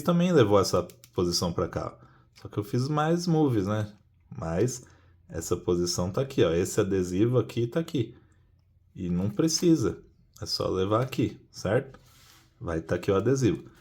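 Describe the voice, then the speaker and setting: Low-voiced man teaching cube. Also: a little mellow. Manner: explains step by step, rhetorical questions. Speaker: cube tutor. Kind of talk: casual hands-on tutorial.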